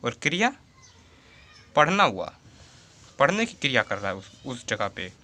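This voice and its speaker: A man's voice: mid-range voice, big pitch swings, unhurried, bright, forceful tone. A man teaching a Hindi grammar lesson, repeating his examples and asking rhetorical questions to his students. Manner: addresses the viewer as 'bhai'.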